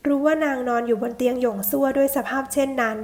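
A woman reading a translated period novel aloud in a steady, even storytelling voice. Her voice sits high. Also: quick pace. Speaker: audiobook narrator. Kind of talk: scripted narration of a translated novel.

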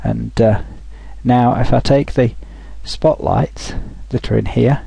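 A man talking through a software tutorial over a screen recording, thinking aloud with frequent restarts. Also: medium pitch, steady tone, slow, creaky, slightly rough, no echo, low-quality recording.

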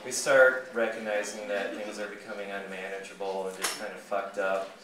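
A man's voice: on the low side, moderate pace, very noisy. A man from California telling crude, profane stories in a stand-up set. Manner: crude, profane, deadpan storytelling. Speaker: stand-up comedian. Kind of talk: stand-up storytelling. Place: comedy club stage. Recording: echoey club, distant mic, crowd laughing.

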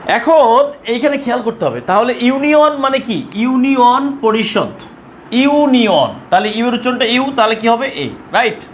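A man's voice: very high voice, expressive, normal speed, few pauses, a little hiss or hum. A man with a Bangladeshi accent teaching an English grammar class, asking questions and repeating words as he drills students.

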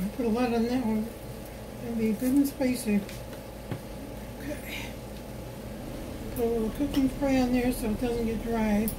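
Home cook woman, high voice, chatty cook-along, noisy phone recording in a kitchen. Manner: chatty, homey, talks to viewers while cooking. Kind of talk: casual cook-along narration. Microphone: phone camera held while cooking.

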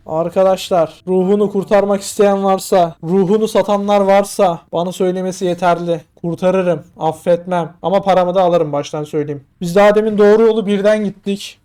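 A young man with a high voice jokes his way through a horror game at home. He mutters checklists under his breath and talks to his audience in loose slang, recorded on a desk mic. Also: warm tone. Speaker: gaming YouTuber. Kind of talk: casual gameplay commentary.

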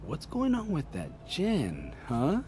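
A fond, joking game father, talking slowly with a lively rise and fall. Clear noise sits under the game audio. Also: a little high, full character voice. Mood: fond teasing. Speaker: father character.

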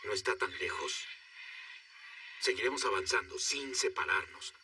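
A seasoned jungle guide who keeps the group calm. His voice sits fairly low, sounds very bright and moves in a lively way. It seems set back from the mic. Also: normal speed, no room sound, far from the mic. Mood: explaining. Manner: steady, authoritative, explaining. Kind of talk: dubbed film dialogue.

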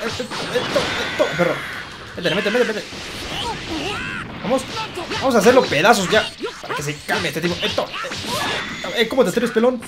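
A man giving excitable let's play commentary, taunting the enemy and cheering his character on. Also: high voice, brisk, long pauses. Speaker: gaming commentator. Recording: loud game music and effects behind.

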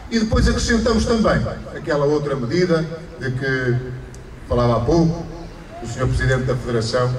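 A middle-aged man with a European Portuguese accent giving a formal mayoral speech at an outdoor ceremony, speaking emphatically with repeated phrases and rising stresses. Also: mid-range voice. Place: outdoors under an awning at a ceremony. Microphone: stand microphone through a PA, filmed from afar. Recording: PA echo outdoors, distant camera, crowd.

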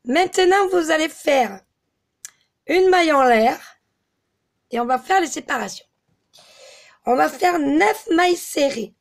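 Woman, slightly hoarse, crochet tutorial, high voice, slow pace. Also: animated. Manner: patient, counts stitches aloud. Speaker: crochet teacher. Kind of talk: step-by-step craft tutorial.

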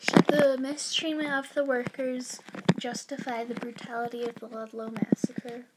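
A woman's voice: fairly high pitch, flat delivery, moderate pace, heavy background noise. A woman giving a school history presentation, reading earnestly and plainly aloud.

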